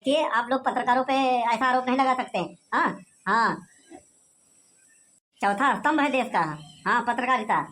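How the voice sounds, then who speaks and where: A pushy cartoon TV news reporter, voiced by a woman talks in formal announcer patter. The voice sits high and stays close to her own. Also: normal speed, long pauses, fairly bright tone, natural voice. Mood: placating.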